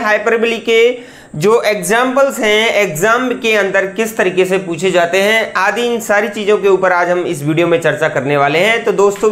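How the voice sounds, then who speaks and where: High-voiced man teaching in an echoey room. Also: a bit bright. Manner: chatty, repeats and rhetorical questions to the viewers. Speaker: English teacher hosting an online class. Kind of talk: explaining lesson.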